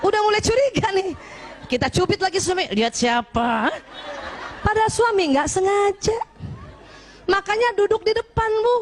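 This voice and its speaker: A woman from Indonesia giving a religious talk to a gathering of women, lively and teasing, often checking that her listeners follow. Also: extremely high pitch, normal speed, noisy background. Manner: lively and teasing, often asks the audience questions. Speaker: preacher addressing women.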